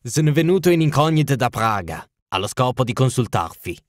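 A man's voice: medium pitch, sing-song, a little fast, no room sound, clean studio sound, natural voice. An Italian man reading an audiobook, voicing a towering masked foreign king who speaks with solemn, formal urgency. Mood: urgent.

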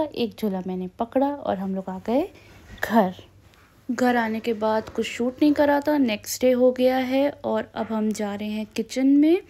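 Mellow-voiced North Indian woman vlogging. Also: mid-range voice. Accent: North Indian Hindi. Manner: chatty, mixes English phrases into Hindi. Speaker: family vlogger. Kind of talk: casual vlog narration.

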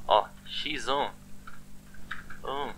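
A man's voice: medium pitch, extremely slow, a bit bright, slight background noise. A man giving a casual online language lesson, chatty and often repeating words with a questioning "né?". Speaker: language teacher.

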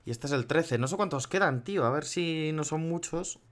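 A man's voice: fairly high pitch, normal speed, fairly bright tone. Spanish man swearing through gameplay. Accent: Spain Spanish. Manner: swears often, cries out in sudden yelps. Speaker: gaming youtuber. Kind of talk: casual gameplay commentary.

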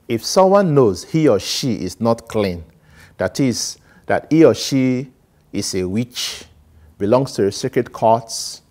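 Middle-aged priest preaching slow, loud bits then quiet bits, lapel mic. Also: male voice. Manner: animated, sweeping gestures, swings between loud emphasis and low asides. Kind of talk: homily. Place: small studio set with plants, indoors.

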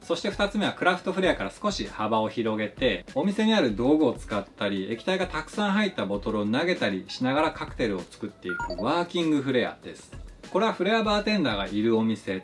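Talking fast over music, a man who is a flair bartender explains his craft politely in a scripted, educational style, his pitch swinging in a lively way.

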